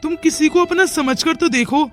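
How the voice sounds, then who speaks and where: A performer with a high-sitting, natural voice plays an earnest, persuasive young village man in a cartoon moral story, speaking at a moderate pace. The tone is insistent and reassuring, with music playing behind the dialogue.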